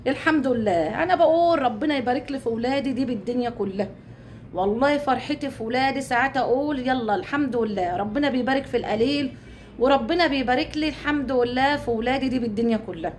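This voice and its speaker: Egyptian woman vlogger, high voice, rapid chatty delivery, keeps swearing it's true. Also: a little hiss or hum. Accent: Egyptian Arabic. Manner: chatty, swears oaths, calls viewers dear ones. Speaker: YouTube channel host. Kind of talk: casual talk to viewers.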